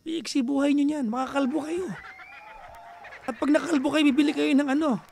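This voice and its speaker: A man with a Filipino accent hosting a radio call-in show, chatty and teasing, mixing Tagalog and English, now and then bursting into loud exasperated rants. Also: extremely high pitch, steady tone, a little fast, creaky, slight background noise. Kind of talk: casual radio talk with listeners.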